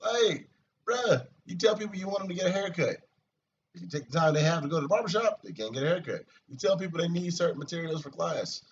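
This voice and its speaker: Guy rambling and cussing about his army schedule, mid pitch, far off muffled mic w/ hiss. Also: quick pace. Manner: rambling, profane and animated. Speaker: soldier vlogger. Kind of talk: casual chat.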